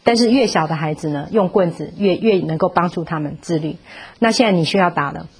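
Low-pitched woman, husky tone, firm and earnest parenting teacher. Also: brisk, a little mellow. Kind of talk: parenting class talk.

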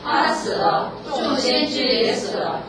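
A woman from the congregation reading scripture aloud, slow and measured. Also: high-pitched, animated, noisy background. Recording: echoey hall from far off, crowd behind.

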